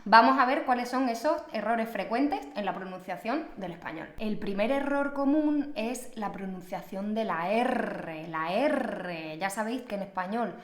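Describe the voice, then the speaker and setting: A woman's voice: on the high side, normal speed, few pauses. Chatty Extremaduran woman in an echoey room. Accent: Extremaduran Spanish. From Extremadura, Spain. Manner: chatty, playful, self-mocking. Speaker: Spanish teacher. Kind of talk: casual teaching video.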